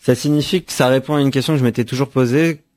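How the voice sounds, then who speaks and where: A man's voice: mid-range voice, fairly even intonation, quick pace, darkish tone. A young man from France speaks as a guest in a radio interview, answering at length in a reflective tone. He often stops, repeats a word, and restarts his sentence while he looks for the right phrasing. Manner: thoughtful, frequent restarts and repeated words. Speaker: author guest.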